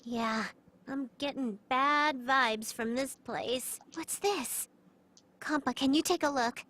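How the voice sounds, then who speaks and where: A woman's voice: high voice, takes it slowly, fairly bright tone, full character voice. A woman voicing a bubbly, goofy young girl heroine in an anime-style game, playful and exclamatory. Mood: puzzled, playful.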